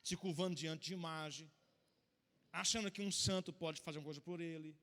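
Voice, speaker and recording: High-voiced preacher man in echoing hall. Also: steady tone. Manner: emotional storytelling preacher, rising to loud, slow emphatic lines. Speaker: pastor. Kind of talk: sermon. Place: church hall. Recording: long church-hall reverb.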